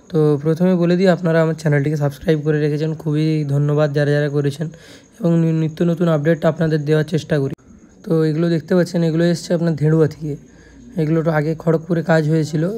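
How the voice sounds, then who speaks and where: A young man from West Bengal, India, who vlogs about his speaker repair shop, chats casually with viewers in a West Bengal accent, often adding check-in tags and restarting phrases. His voice is on the high side and warm, captured in a clearly noisy phone recording.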